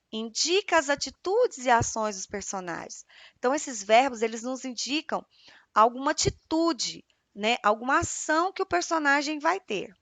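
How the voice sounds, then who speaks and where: A young woman teacher with a Brazilian Portuguese accent explains a school lesson to children in an expressive way, often ending phrases with a questioning "né?". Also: fairly high pitch, no echo. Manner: expressive, frequent "né?" tag questions.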